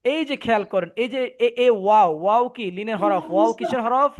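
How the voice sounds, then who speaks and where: Brief: male Quran tutor, Bangladeshi Bengali accent, high voice, patient, repeats each rule. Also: moderate pace. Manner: patient, repeats points, drills students. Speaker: Quran recitation teacher. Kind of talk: online class teaching.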